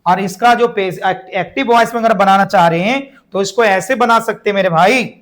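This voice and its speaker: A man with a fairly high, bright voice and an Indian accent teaches his class English grammar. He drills example sentences slowly, drawing them out and repeatedly asking students to say them back, calling them "brother" and "dear".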